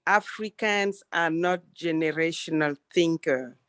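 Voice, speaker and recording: A woman, joining an online town hall from the audience. She speaks slowly and earnestly, with heartfelt emphasis. The sound is close and dry, with no room echo. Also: sits low, a bit bright, clean tone. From Cameroon. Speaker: audience member. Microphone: video call.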